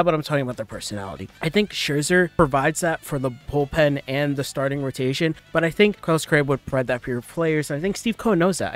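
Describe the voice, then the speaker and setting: A young man giving casual, rambling sports news commentary as a vlogger. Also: mid-range voice. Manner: rambling, excitable, informal.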